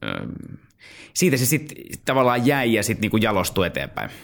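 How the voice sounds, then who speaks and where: A male impressionist speaking as a guest in casual chat, relaxed with filler words. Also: lowish voice, gravelly.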